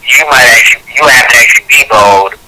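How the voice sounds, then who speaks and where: A young man with a mid-pitched voice chats casually on a podcast, goofy and playful. His replies are short and quick. A clear hiss of noise sits under the homemade recording. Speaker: podcast co-host. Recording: noisy home recording.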